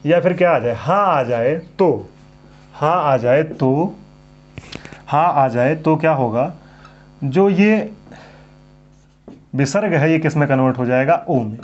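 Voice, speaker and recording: A man's voice: a little high, takes it slowly, long pauses, a little mellow. A man teaching Hindi grammar in an exam-prep lecture, who keeps asking questions and then answers them himself. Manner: drills students with repeated questions and answers. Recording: dull lo-fi recording.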